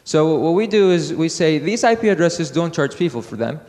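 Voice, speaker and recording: A man from Iraq giving a technical conference talk, halting with fillers and restarts. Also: a little high, sing-song, a little mellow. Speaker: conference speaker. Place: conference hall. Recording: hall with long reverb.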